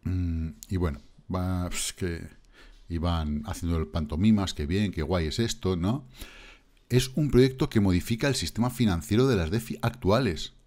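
Sarcastic deep-voiced man. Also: normal speed, a little mellow. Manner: sarcastic, reads chat messages aloud and mocks them. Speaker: crypto channel host. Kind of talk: casual screen-reading commentary.

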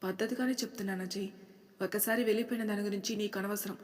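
A woman's voice: medium pitch, fairly even intonation, fast talker, in a large hall, close to an everyday voice. Woman voicing a furious hot-tempered father. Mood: angry. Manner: harsh, accusing. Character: angry middle-aged father, hot-tempered.

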